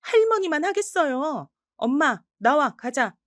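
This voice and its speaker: A woman voicing a defiant young daughter who talks back sharply in a raised, high voice, in a storybook reading. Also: big pitch swings, a little slow, a bit bright, dry recording, studio quality, exaggerated voice. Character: bold young daughter standing up for her mother.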